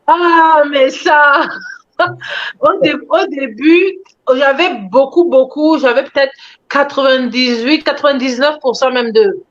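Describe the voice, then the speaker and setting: A woman interviewed about her animation work, telling her story in an expressive, animated way. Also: high-pitched, slow. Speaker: animation creator being interviewed. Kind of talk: conversational interview answers. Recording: dull lo-fi sound.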